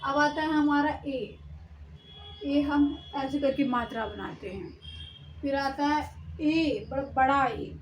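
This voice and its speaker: A woman's voice: high voice, slight background noise, rough recording. A woman teaching Hindi vowel signs, explaining step by step and sounding out letters, sometimes stopping to correct herself. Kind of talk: explaining a lesson on writing.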